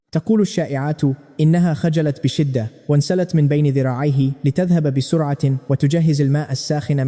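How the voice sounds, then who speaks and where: A man's voice: on the high side, dark tone. A man narrating a story recap in a dramatic, scripted storytelling manner. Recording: long echoey reverb.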